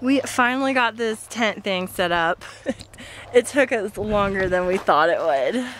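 A woman's voice: mid-range voice, animated, measured pace, a bit bright, a little hiss or hum. A woman in her thirties talking casually and cheerfully to a handheld camera while vlogging a camping trip. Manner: chatty, upbeat, laughs easily. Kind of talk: casual travel vlog. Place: outdoors at a campsite, in a car and a restaurant. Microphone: handheld camera at arm's length.

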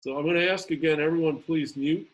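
A man speaking as a school administrator at a town hall over a video call, halting with frequent ums and restarts. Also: on the high side, fairly even intonation.

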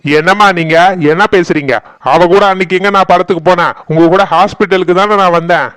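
A man's voice: high-pitched, steady tone, a little fast, fairly bright tone, smooth, no room sound. A man voicing a harried adult son stuck between his wife and his mother in a cartoon, speaking with a Kanyakumari Tamil accent in an exasperated, pleading way. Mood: defensive.

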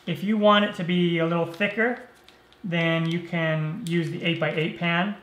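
A man's voice: a little high, measured pace. Easygoing man demonstrating a recipe. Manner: relaxed, easygoing step-by-step explaining. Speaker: cooking show host. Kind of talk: cooking demonstration. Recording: roomy echo.

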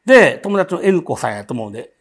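A man's voice: fairly high pitch, big pitch swings, quick pace. A man with a Kansai accent telling a ghost story, vividly acting out the voices of the people in it.

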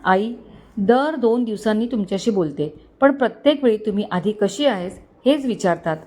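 A woman's voice: medium pitch, animated, normal speed, a little mellow, natural voice. A woman voicing a hurt, tender young wife in a storybook, pleading and emotional. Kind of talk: storybook dialogue.

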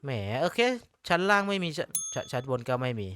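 Man, gamer, casual play-by-play, excitable, swears a lot, bright voice, soft game music. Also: a little high, fairly quick. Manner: excitable, swears freely, talks to himself. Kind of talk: casual gameplay commentary.

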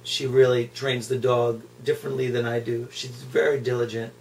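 This middle-aged man, a guide dog puppy raiser, sits on his floor at home and talks casually and reflectively to the camera. His medium-pitched voice is flat, creaky, and a little mellow, at a moderate pace. The camera mic is a few feet away, so the recording is distant, with hum and background noise.

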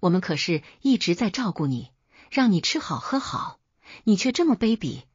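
A woman's voice: very animated, normal speed, darkish tone, husky, no room sound, muffled recording. A woman voicing a coarse, domineering older mother-in-law who scolds and sneers. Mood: scolding. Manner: shrill, scolding, contemptuous.

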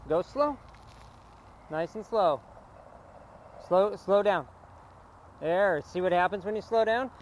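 A man hosting an outdoor vlog, chatting casually about RC trucks and coaching a driver in a relaxed way. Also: high-pitched, slow pace, slight background noise. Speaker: vlog host. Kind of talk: casual chat while driving RC trucks. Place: outdoor trail.

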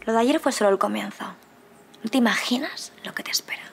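A scheming young woman from Spain plots revenge in a soap monologue. Her creaky Spanish-accented voice echoes over prominent music. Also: a little high, fast. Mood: menacing. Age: 20s. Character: vengeful, scheming young rival. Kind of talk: telenovela inner monologue. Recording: echoing voice-over.

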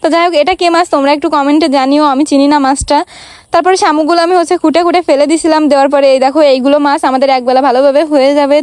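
High-voiced chatty young woman vlogger. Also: dry recording. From Bangladesh. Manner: chatty, addresses viewers directly. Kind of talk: casual voice-over narration.

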